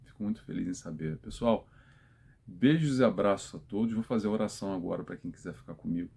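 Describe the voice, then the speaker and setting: A man's voice: on the low side, fast talker, creaky, a little mellow, slightly rough. A man hosting an informal spiritual talk, giving advice straight to viewers in a conversational way.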